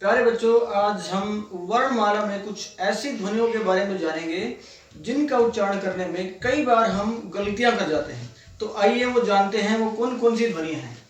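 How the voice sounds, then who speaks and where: A man teaching children, carefully pronouncing and repeating single sounds in a slow, deliberate classroom manner. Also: high voice. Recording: echoey room, voice from a distance.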